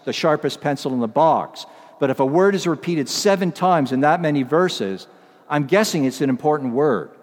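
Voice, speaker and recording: A man preaching an expository sermon to his congregation, earnest, repeating key phrases and posing rhetorical questions. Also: medium pitch. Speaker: pastor. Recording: long reverb of a large hall.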